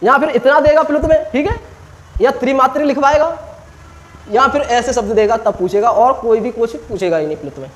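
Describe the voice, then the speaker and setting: A man's voice: extremely high pitch, fairly quick, a little hiss or hum, rough recording. A man teaching a classroom grammar lesson, quizzing students with short questions and stretching vowels out to demonstrate.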